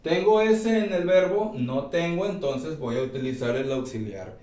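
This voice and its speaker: A man teaching an English grammar class, explaining slowly and checking in with his students often. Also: a little high, lively intonation, darkish tone. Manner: slow, repeats and checks with "¿sí?". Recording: echoey room, voice from far off.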